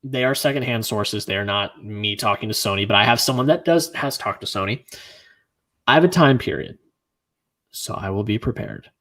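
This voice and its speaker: A man hosting a livestream, chatting casually in an earnest, rambling way that grows animated when he is frustrated. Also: lowish voice, moderate pace. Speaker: livestream host.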